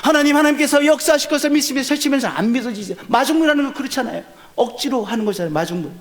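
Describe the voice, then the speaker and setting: A man in his sixties preaching a sermon, asking the congregation questions and answering them, moving from loud urgent peaks to low hushed endings. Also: very fast. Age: 60s. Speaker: pastor.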